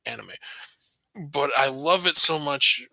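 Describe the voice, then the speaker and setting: A man's voice: a little high, unhurried, creaky, pushed and bright, poor audio. A man co-hosting a casual anime podcast, gushing enthusiastically and often restarting his sentences. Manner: enthusiastic, gushing, self-interrupting. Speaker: podcast co-host.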